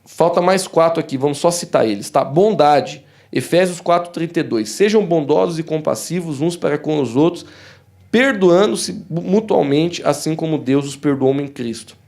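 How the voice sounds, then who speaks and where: A young man preaching to his congregation in a church hall, with a southern Brazilian accent. His voice sits a little high for a man, and he talks to the room in a warm, chatty way. When he tells a story he acts out the voices in it. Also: moderate pace, creaky. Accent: southern Brazilian Portuguese. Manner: warm, conversational preaching, addressing the congregation as "queridos". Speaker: pastor. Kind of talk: sermon.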